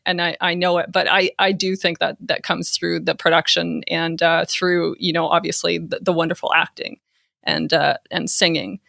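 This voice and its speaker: A woman's voice: lowish voice, flat delivery, moderate pace, creaky, fairly bright tone, no echo, clean studio sound. A woman podcast host from Southern Alberta, enthusiastic and laughing often as she interviews a guest. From Southern Alberta, Canada. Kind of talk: casual interview chat.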